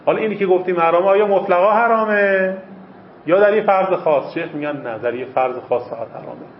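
A man teaches a seminary class at a raised, fairly high pitch, asking rhetorical questions and answering them himself. The recording is roomy and echoey, with a dull lo-fi tone and faint background noise. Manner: repeats key phrases for emphasis. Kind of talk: lecturing on Islamic jurisprudence.

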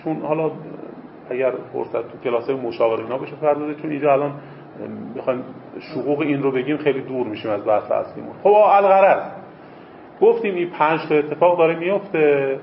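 A man teaches a seminary class at a raised, fairly high pitch, asking rhetorical questions and answering them himself. The recording is roomy and echoey, with a dull lo-fi tone and faint background noise. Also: gravelly. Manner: repeats key phrases for emphasis. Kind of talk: lecturing on Islamic jurisprudence.

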